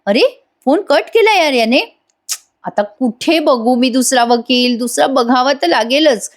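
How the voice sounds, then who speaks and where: A woman's voice: high-pitched, lively intonation, measured pace. A woman voicing a frustrated young woman hunting for a lawyer, in a soap recap voice-over, muttering in exasperation. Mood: exasperated.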